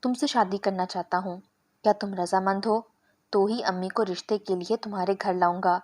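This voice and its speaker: A woman's voice: medium pitch, steady tone, a little mellow, natural voice. A woman voicing a pushy, coaxing young male suitor in a spoken story. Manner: persuasive, insistent.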